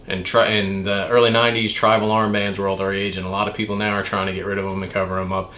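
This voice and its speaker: A tattoo artist telling a rambling, profane story in a casual, chatty way. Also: male voice, fairly low pitch, flat delivery, fast, bright, forceful tone, slight background noise.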